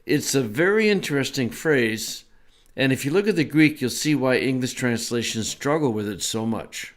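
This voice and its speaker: At a medium pitch and moderate pace, a man teaches a Bible lesson in a relaxed, conversational manner, dropping small asides as he explains.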